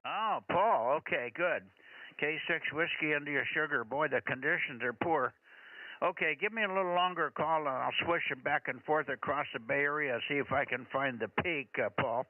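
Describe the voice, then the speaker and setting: A man's voice: on the high side, moderate pace, no room sound. A man working as a ham radio net operator, reading callsigns and repeating phrases in radio procedure talk over a crackly radio link. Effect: crackly radio transmission. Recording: crackly noisy narrowband shortwave radio with clicks.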